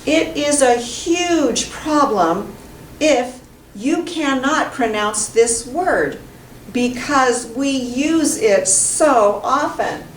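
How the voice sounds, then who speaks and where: Speaking very slowly and emphatically, this American woman teaches pronunciation to camera, enunciating each sound and word with deliberate care. Her voice is high and expressive. The setting is a small indoor classroom with a whiteboard, captured by a camera mic at a distance that sounds roomy with faint noise.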